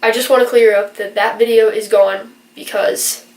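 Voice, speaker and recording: Here the young woman, a vlogger in college, sits on the high side with a steady tone, moderate pace, and slightly mellow quality. Stuffy from a viral illness, she explains things earnestly in a rambling, filler-heavy casual vlog, captured far from the mic with echo filling the room.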